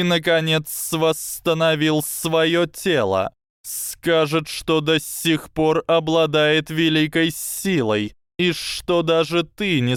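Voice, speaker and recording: Man doing a hissing sardonic snake, high and loud, slow drawn-out words, scheming. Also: clear, resonant tone, no echo, clean studio sound. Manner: hissing, mocking, instructive.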